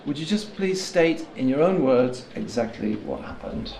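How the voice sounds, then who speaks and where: An actor playing a police sergeant who runs a formal interview and probes the witness skeptically. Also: male voice, on the high side, animated, moderate pace, creaky, a little mellow, roomy sound.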